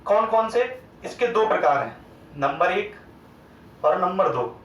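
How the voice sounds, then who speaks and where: A man with a Hindi accent teaching an exam-prep grammar lecture, asking questions and answering them himself, stretching sounds out slowly. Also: high voice, expressive, fairly bright tone, reverberant, recorded from a distance, slight background noise, rough recording.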